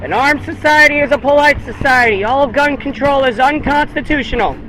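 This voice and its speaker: Recorded outdoors by a busy road with traffic audible behind, an American man protests, repeating slogans and chatting with passersby. He speaks at a moderate pace in a very high-pitched voice.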